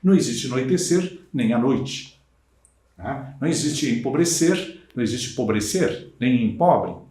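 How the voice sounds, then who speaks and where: A Brazilian man lectures with a lively, wide-ranging pitch, drawing out key words slowly and checking in with "né?" as he teaches. His voice sounds roomy and a little distant from the mic. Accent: Brazilian Portuguese. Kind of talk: recorded lecture.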